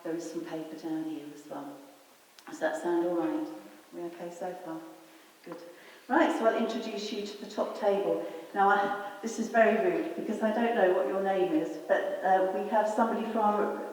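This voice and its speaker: A woman's voice: fairly low pitch, steady tone, moderate pace, a little mellow. A woman chairing a public meeting, casually explaining the plan and background to the audience. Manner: chatty, informal, explaining. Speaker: event chair. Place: meeting room. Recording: echoey hall, distant mic, hiss.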